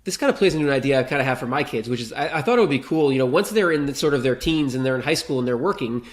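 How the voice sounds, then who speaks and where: A man's voice: medium pitch, lively intonation, rapid-fire. A man co-hosting a podcast, asking questions in a casual, candid way. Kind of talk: podcast conversation.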